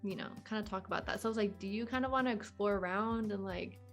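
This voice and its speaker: A woman in her twenties, a podcast guest, talks fast and casually in a conversational interview, her chatty, informal speech peppered with "like." Her voice is mid-range, with soft background music behind her.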